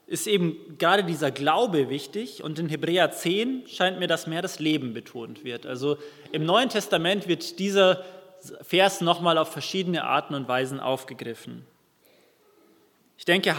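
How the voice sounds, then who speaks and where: A man's voice: fairly high pitch, fairly bright tone, in a large hall. A man preaching a sermon, reading a Bible passage and explaining it earnestly to his congregation, with some restarts.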